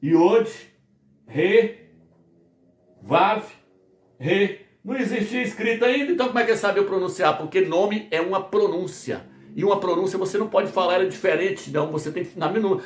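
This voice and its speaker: Brazilian preacher, rhetorical and repetitive. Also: male voice, high voice, fast, hardly any pauses. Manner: repetitive call-and-response questioning. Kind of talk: Bible study teaching. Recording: echoey room.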